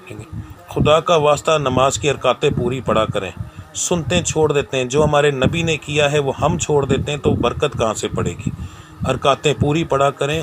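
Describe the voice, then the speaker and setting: A man hosting a spiritual advice channel, giving earnest, preachy religious guidance to viewers and often pausing to check in with "okay". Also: mid-range voice. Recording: clear background noise.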